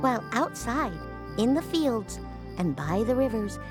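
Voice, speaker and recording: A dutiful cartoon robot babysitter, with a high, lively voice and slow, careful delivery. She talks in stiff programmed phrases, then reads aloud in a soft storytelling voice. Faint music plays underneath. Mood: soothing storytelling. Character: female robot babysitter, literal-minded and dutiful. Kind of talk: reading a bedtime story aloud.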